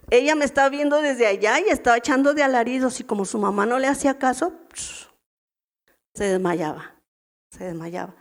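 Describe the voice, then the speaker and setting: A middle-aged woman with a Mexican accent, teaching a women's church meeting in a chatty, story-filled way and often checking in with the audience. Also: fairly high pitch. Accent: Mexican Spanish. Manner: chatty, anecdotal, constant tag questions to the audience.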